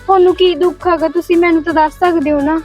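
A woman's voice: very high voice, steady tone, quick pace, darkish tone, faint music behind. A woman playing a sympathetic young sister-in-law, coaxing and consoling, in a family drama. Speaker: husband's sister. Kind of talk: village family drama acting.

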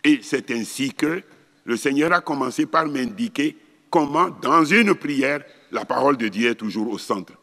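An older man giving an animated charismatic teaching, telling stories and chanting syllables as he teaches. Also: medium pitch. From West Africa. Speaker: preacher. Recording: long hall reverb.

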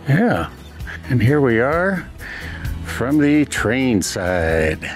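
A man casually narrating a travel vlog as he walks around, relaxed and unhurried. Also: medium pitch, faint music behind. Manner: relaxed, unhurried commentary while walking around. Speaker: travel vlogger. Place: walking around a train station and hotel, indoors and outdoors.

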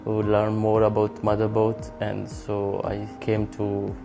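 A man's voice: lowish voice, completely flat delivery, measured pace, creaky. A man giving a plain, somewhat hesitant interview testimonial in a small studio. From Italy. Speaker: training course participant. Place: indoor studio with grey backdrop. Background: music bed.

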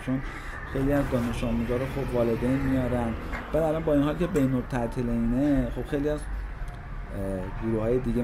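A man in his thirties from Iran narrates a walking tour, his talk easy and nostalgic at an ordinary middle pitch. He walks outdoors past schools, recorded on a handheld camera. Traffic and street ambience come through clearly behind him. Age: 30s. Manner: reflective, nostalgic, conversational. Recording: street noise clearly audible.

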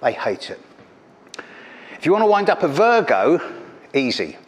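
Speaking at normal speed in a fairly high, sing-song voice, a middle-aged English stand-up astrologer performs into a handheld mic on an event hall stage. His routine is caustic and teasing, with a punchy delivery.

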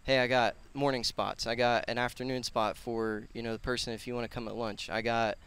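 This twentysomething gym owner and personal trainer is being interviewed for a podcast outside on a concrete patio, wearing a headset mic. He talks in a casual, earnest, rambling way full of slang, with a mid-range, clear, resonant voice that is fairly bright, fairly quick and flat in delivery.

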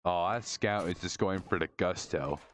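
A man streaming a shooter game live, commenting excitably, swearing a lot and rambling to his chat. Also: low voice, normal speed. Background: game music.

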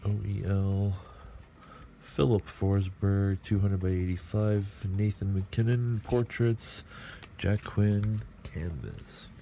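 A middle-aged man casually murmuring player names as he opens hockey card packs at a table, clearing his throat often. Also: on the low side, steady tone, takes it slowly, mellow, a little hiss or hum. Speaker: card collector opening packs. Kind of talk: casual pack-opening commentary. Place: indoor table at home.

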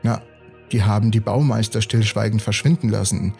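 A man's voice: lowish voice, normal speed, creaky, mellow, faint music behind. Man doing a blunt, sarcastic woman colleague.

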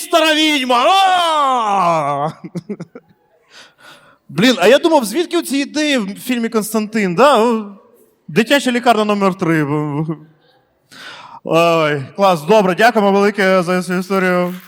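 A man's voice: high voice, in a large hall. A male stand-up comedian doing crowd work in a comedy club, chatty and slangy, swearing freely.

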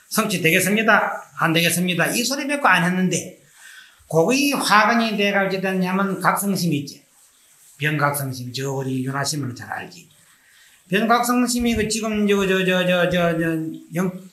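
A man with a Gyeongsang accent, a Buddhist monk giving a dharma lecture, telling anecdotes and acting out their dialogue. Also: high-pitched. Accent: Gyeongsang Korean. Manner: animated storytelling, acting out dialogue. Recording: echoey room, faint hiss.

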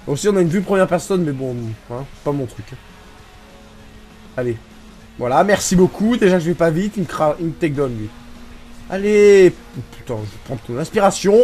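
A man from France giving casual, excitable commentary over his racing game, swearing and mocking himself. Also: a little high, normal speed. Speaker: gaming YouTuber. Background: game music.

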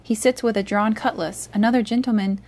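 A woman's voice: medium pitch, fairly even intonation, brisk, darkish tone, close to an everyday voice. A woman reading a storybook aloud and voicing a frightened young innkeeper's boy who answers politely and earnestly.

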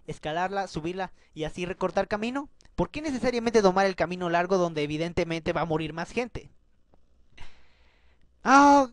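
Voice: medium pitch, no room sound. An anime commentator who rambles and thinks aloud, firing off one rhetorical question after another in casual video commentary.

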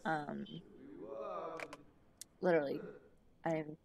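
Extremely slow and flat, her low, creaky voice sounds a little mellow, with a slight hiss or hum in the recording. She's a woman in her thirties at a desk in her home room, chatting and thinking aloud through a life-simulation game on a headset while congested and sniffly from allergies, as game music runs underneath.

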